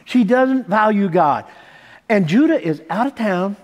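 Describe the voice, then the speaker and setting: A middle-aged man preaching on a large church stage, telling stories and building toward emphatic points. His voice sits high for a man. The hall's long reverb trails behind every phrase. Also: expressive, measured pace, darkish tone. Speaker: pastor. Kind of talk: sermon.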